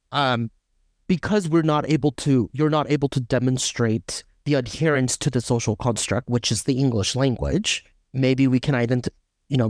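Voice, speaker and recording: On a podcast, a man of medium pitch talks through ideas in a relaxed academic conversation, restarting and filling pauses as he thinks aloud and frequently adding "right?". The recording is dry, with clean studio sound.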